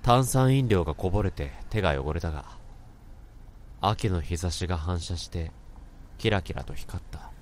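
In this radio drama, a man with a deep, lively, slightly mellow voice speaks at a normal pace over a faint hiss or hum. He narrates and plays the lead, a remorseful office worker who can hear other people's thoughts, telling his story in a reflective, introspective way full of self-questioning.

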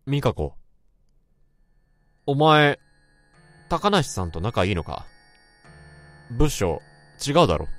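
Heavily acted, with faint music behind, a mid-range, fairly bright voice moves slowly and sing-song, pausing often. The actor narrates a radio drama as its protagonist, a tormented office worker who hears others' thoughts, shifting from brooding inner monologue and guarded dialogue into frantic outbursts.

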